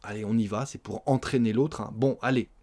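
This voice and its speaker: A man past his twenties teaching spoken French, explaining carefully and repeating example phrases slowly, often adding "hein". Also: lowish voice, fairly even intonation, dark tone. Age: older than twenties.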